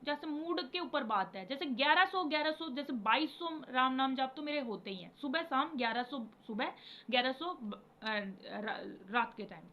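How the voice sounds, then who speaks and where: Tired, chatty young woman, slightly high. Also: expressive, moderate pace, sharp tone. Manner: chatty, rambling, mixes English words into Hindi; chants rhythmic repeated syllables. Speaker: spiritual vlogger. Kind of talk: casual devotional talk to viewers. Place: home. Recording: dull lo-fi recording with faint background noise.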